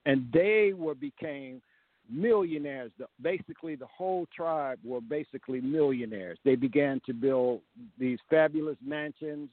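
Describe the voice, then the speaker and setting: A man's voice: on the high side, normal speed, no room sound. Man talking over a tinny phone line. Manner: rambling, with frequent restarts. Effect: heard over a phone call. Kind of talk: casual history talk.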